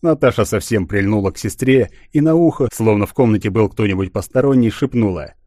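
A man reading a literary audiobook in a measured, even way. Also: on the low side, no room sound, clean studio sound. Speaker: audiobook narrator.

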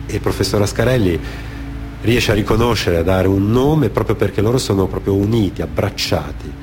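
Speaking fairly quickly in a lowish voice, a man from Genoa, Italy, performs dramatic radio storytelling as a theatre storyteller and author-performer. He's reflective, sometimes halting and repeating phrases, moving between improvised anecdotes and read testimony while music plays underneath.

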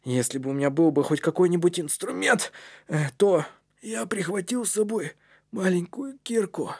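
A man's voice: sits high, moderate pace, a little mellow, husky, dry recording, clean studio sound, pitched above the performer's own voice. A man voicing an exhausted, weak boy who speaks in a faint whisper in a storybook reading.

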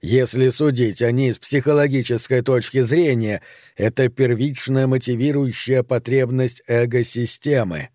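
Slow, lecturing ancient creature from the void, read by a male narrator; dark tone, dry sound. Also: mid-range voice, fairly even intonation, dry recording, natural voice. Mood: menacing, lecturing. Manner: slow and deliberate. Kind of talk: audiobook character voice.

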